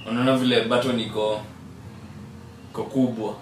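A man's voice: mid-range voice, flat delivery, normal speed. A young Kenyan man chatting casually and explaining things, switching between Swahili and English with a Kenyan accent. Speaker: podcast co-host. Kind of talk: casual chat. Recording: echoey room, distant mic, faint noise.

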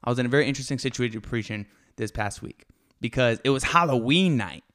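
Young man, podcast host, smooth resonant voice, excited and slightly breathless, rambling casual talk. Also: mid-range voice, rapid-fire. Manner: hyped, rambling, many fillers. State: a little out of breath. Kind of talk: casual faith podcast monologue.

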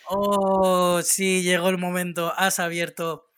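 Podcast cohost, higher voice, jokes all deadpan and formal. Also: male voice, slow, smooth, no room sound. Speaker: podcast co-host. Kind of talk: casual chat.

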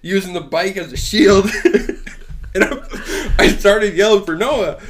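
A man's voice: sits high, measured pace, background noise. A young adult man in casual chat, telling a rambling story with frequent laughs and casual swearing.

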